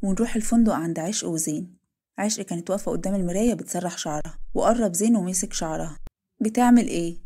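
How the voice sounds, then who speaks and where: A woman's voice: lowish voice, very fast, dark tone, husky. A woman with an Egyptian accent narrating a romantic story.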